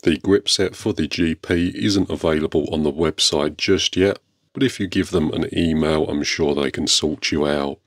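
Very deep-voiced man, dry sound. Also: normal speed, no room sound. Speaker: YouTube airgun channel host. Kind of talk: scripted-sounding product showcase narration to viewers.

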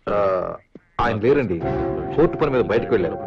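An actor playing a brisk deputy police commissioner who answers the phone. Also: male voice, fairly low pitch, animated, lo-fi sound. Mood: official. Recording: film soundtrack with music.

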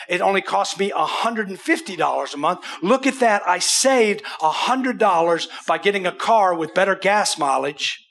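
On a church auditorium stage, an American pastor in his sixties preaches a conversational, emphatic sermon full of rhetorical questions and acted examples. His voice is high-pitched with a fairly bright tone.

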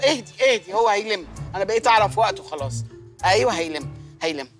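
A high-voiced henpecked Egyptian husband. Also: male voice, lively intonation, fast, fairly bright tone, faint music behind. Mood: pleading. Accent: Egyptian Arabic. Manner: meek, then mocking and exaggerated. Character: jobless, teasing, henpecked young husband. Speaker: film comedian. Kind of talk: comic film scene.

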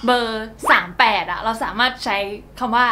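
A woman's voice: on the high side, steady tone, normal speed, background noise. A young Thai woman co-hosting a casual chat about swear words, playful and giggly, with music playing behind. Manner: giggly and playful, with frequent laughs. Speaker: co-host teaching Chinese and Thai swear words.

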